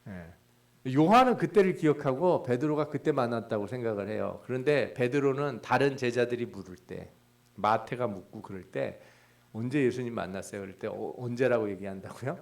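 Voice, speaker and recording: Gravelly-voiced male pastor preaching. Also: mid-range voice, lively intonation, normal speed. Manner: conversational preaching, asks the congregation questions; acts out prayers and inner thoughts in quoted voices. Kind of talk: Wednesday sermon, Bible exposition.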